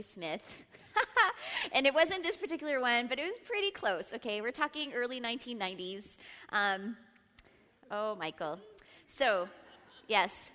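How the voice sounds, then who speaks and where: A middle-aged woman leading a church Bible study, lively and often laughing as she prompts the group. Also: a little high. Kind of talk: Bible teaching talk. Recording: long reverb in a large room.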